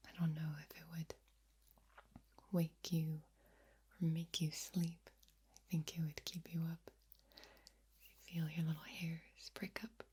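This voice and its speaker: A woman whispering slowly in an ASMR video, repeating words softly as a trigger. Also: low-pitched, little pitch movement, slight background noise. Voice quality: breathy whisper. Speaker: ASMR creator.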